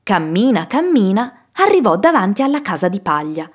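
A woman reading a children's fairy tale aloud in an expressive storytelling manner. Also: mid-range voice, moderate pace, breathy edge. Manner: lively, expressive telling.

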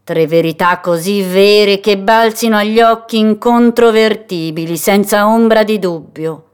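Sly nasal hyena for a storybook, slow and smug and menacing, read by a woman. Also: medium pitch, clear, resonant tone, voice pushed up, close to an everyday voice. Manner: slow, drawn-out, purring speech. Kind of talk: storybook reading.

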